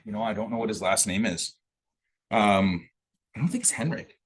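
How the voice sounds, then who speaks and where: A man's voice: fairly low pitch, moderate pace, slightly rough. A man chatting casually and easygoing while checking his microphone before presenting to colleagues on a video call. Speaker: presenter at a real estate office meeting. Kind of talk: casual chat while testing audio. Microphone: own microphone on a video call.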